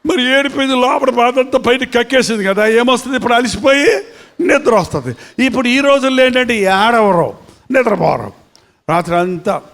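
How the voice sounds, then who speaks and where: A man preaches a sermon in a dramatic, emphatic style. His voice is fairly high for a man, and he keeps asking his listeners rhetorical questions. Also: animated, moderate pace, a bit bright. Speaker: pastor.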